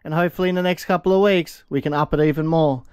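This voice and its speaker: With a fairly high, slightly mellow and smooth voice, fairly even intonation, and a quick pace, a man vlogs his gym workout on a handheld action camera in a casual, upbeat, self-deprecating manner. The recording is dry and studio quality, with background music, and moves from inside the gym to outside by a car.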